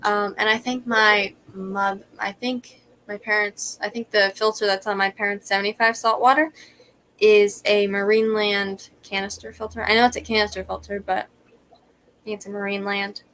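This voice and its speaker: A young woman hosts a livestream chat with plain enthusiasm, her voice bright. She reads viewer comments aloud between remarks. A faint noise runs underneath. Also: medium pitch, little pitch movement, moderate pace. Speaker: host.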